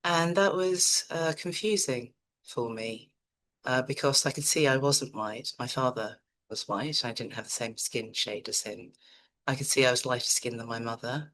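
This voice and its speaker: A middle-aged Nigerian psychotherapist presents an online seminar in a very deep voice, speaking in a calm, measured, reflective way.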